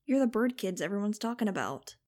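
A woman's voice: mid-range voice, animated, fairly quick, a little mellow, natural voice. Wary slangy young hacker guy, paranoid but easygoing, read by a woman. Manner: casual slangy drawl. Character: paranoid young male hacker, laid-back.

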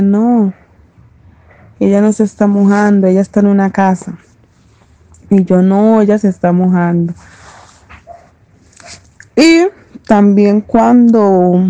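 A woman with a Paisa Colombian accent gives a reflective personal testimony in a very dark, mellow voice. The sound is dry and close, with almost no room in it. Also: mid-range voice, dry recording. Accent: Paisa Colombian Spanish. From Medellín, Colombia. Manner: reflective, unhurried recollection. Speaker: interviewee, daughter of a domestic worker.

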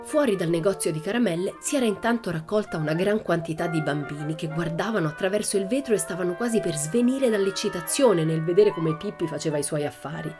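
A woman narrating a children's audiobook in a steady, expressive storytelling manner. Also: on the low side, fast, few pauses, over music.

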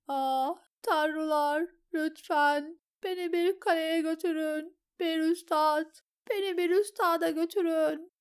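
A terrified young squire begs in high, stretched-out wails, as a woman puts him on. His voice climbs far above the narrator's and drags each plea slowly. He sounds like a frightened storybook boy. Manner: high, drawn-out pleading wails. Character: terrified young male squire, wailing for mercy.

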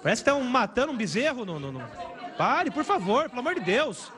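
A man chairing a heated parliamentary session, exasperated and talking over shouting. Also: extremely high pitch, sing-song, fast. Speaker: committee chair. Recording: loud crowd noise in a chamber.

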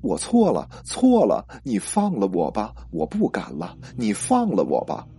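A man's voice: on the low side, wildly swooping pitch, a little slow, dark tone, breathy edge, voice pushed down, full character voice. A man doing a pleading old grandmother. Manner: pleading, repeating herself. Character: frightened old village grandmother begging forgiveness.

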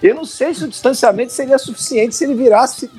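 A man, a guest musician, telling an anecdote in casual chat, animated and laughing along. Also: very high voice, fast talker, husky, soft background music.

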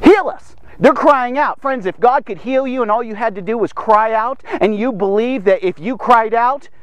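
A man hosting a Bible devotional podcast, teaching in a casual, jokey and energetic way and repeating words for emphasis. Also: very high-pitched, normal speed, smooth, no room sound. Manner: energetic, jokey and conversational, with many asides to listeners.

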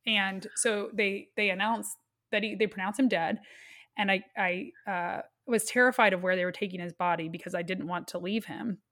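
A woman's voice: mid-range voice, fairly even intonation, a bit bright. Woman telling a painful story. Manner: earnest, halting, retelling a loss. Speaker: guest. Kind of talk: emotional personal storytelling.

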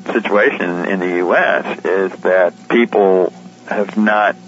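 Soft music plays as a man, the publisher and editor of a shortwave radio guide, talks through a radio interview, explaining conversationally with informal asides. His low voice is fairly bright, slow, and fairly even in intonation, carried over a dull, lo-fi line.

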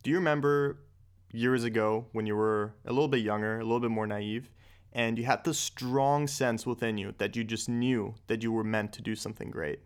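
At normal speed and with a steady medium-pitched voice, a twenty-something man from Austria hosts a casual podcast chat. He's frank and relaxed, filling his talk with "like" and swearing, and the room echoes.

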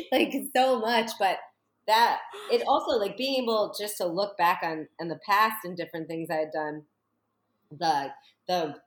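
A woman guest talking casually about running her small business, animated, laughing and acting out what she thought and said. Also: lowish voice, echoey room. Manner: animated storytelling with laughs and acted-out quotes. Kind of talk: casual conversational interview.

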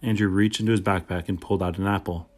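An audiobook narrator, a man with a fairly low voice, reads a children's chapter book aloud in the first person. He talks fast, and his storytelling stays steady and plain.

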